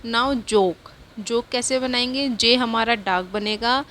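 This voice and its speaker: A woman teaches a beginner's shorthand lesson at an unhurried pace. Her voice sits slightly high, and she repeats each word several times, switching freely between Hindi and English. A faint hiss of noise sits under the recording. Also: fairly bright tone. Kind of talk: step-by-step spoken lesson.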